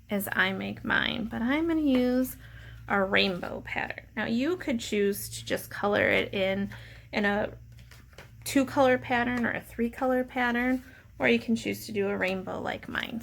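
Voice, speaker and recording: Leading kids through an art lesson one step at a time, this woman teacher speaks in plain, explanatory language. Her mid-range voice is gravelly and a bit bright, with a little hiss or hum behind it.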